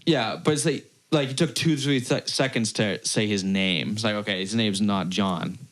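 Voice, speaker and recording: A man's voice: lowish voice, normal speed, fairly bright tone. A young man from Massachusetts, co-hosting a podcast, tells a long rambling story in casual chat, correcting himself as he goes and acting out the other people's lines. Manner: rambling, self-correcting storyteller who acts out quoted voices. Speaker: podcast co-host.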